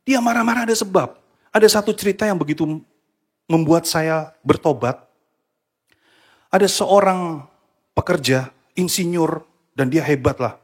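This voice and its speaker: A man preaching a sermon to a church congregation, animated and often slipping English phrases into his talk. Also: a little high, moderate pace, pauses often, slightly rough. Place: church hall.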